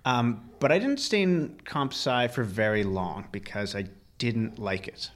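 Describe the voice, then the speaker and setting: A man's voice: mid-range voice, expressive, unhurried. A man in his early thirties, an interview guest, casually recalling his past in a garage. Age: early 30s. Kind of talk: casual personal recollection. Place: recorded in a friend's garage during a barbecue.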